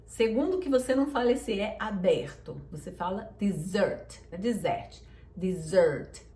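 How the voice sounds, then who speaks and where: A woman's voice: mid-range voice, a little mellow. Woman teaching in a roomy space. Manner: patient, repeats words slowly for drilling. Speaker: English teacher. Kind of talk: online pronunciation lesson. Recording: roomy echo, mic at a distance.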